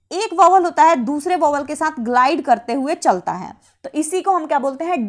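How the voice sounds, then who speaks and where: Woman teacher, high voice, rhetorical question-and-answer delivery. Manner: asks rhetorical questions then answers them; repeats key terms slowly. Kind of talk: exam-prep lecture.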